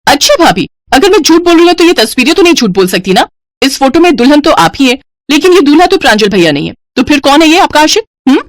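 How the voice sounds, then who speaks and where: A woman voicing a spoiled, scheming young sister-in-law in an animated storybook, with a shrill, sneering, bossy manner. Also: a little fast, dry recording, lightly acted.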